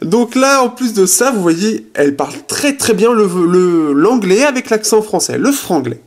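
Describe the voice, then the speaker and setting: A man's voice: high-pitched, sing-song, a little slow. A man giving a casual phone review in his apartment, chatty and full of fillers, trailing off as he tests features. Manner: chatty, many fillers, trails off while testing. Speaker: tech reviewer. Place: his apartment, resonant room.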